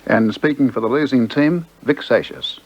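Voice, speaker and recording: A man's voice: mid-range voice, moderate pace. Man presenting, slightly dull recording. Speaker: radio documentary presenter. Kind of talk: scripted reflective narration.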